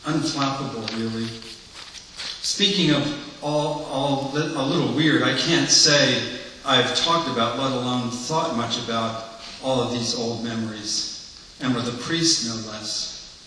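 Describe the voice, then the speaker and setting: A man's voice: medium pitch, unhurried, sharp tone, slight background noise. A man reading the part of an earnest blind man confiding his past to a priest, in a candid, reflective monologue, heard in an echoey hall from far off.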